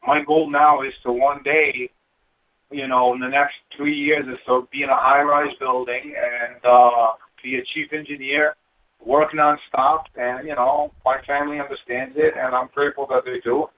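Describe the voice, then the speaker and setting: Heard through a thin phone-line sound, a middle-aged man speaks as an interview guest about his work as a building engineer, earnest and casual, with frequent "you know"s. He keeps a level tone and moderate pace in a mid-range voice.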